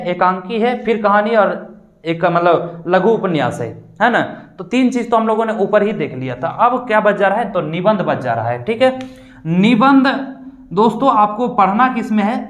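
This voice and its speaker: A man teaching an online exam-prep class, explaining patiently and repeating his points as he addresses the viewers as friends. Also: high-pitched. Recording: roomy echo.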